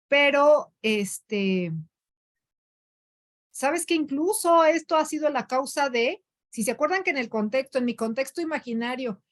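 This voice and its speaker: A high-voiced Mexican woman with a Mexican Spanish accent leads an online training session as a workshop instructor. She speaks conversationally, using frequent fillers and correcting herself often.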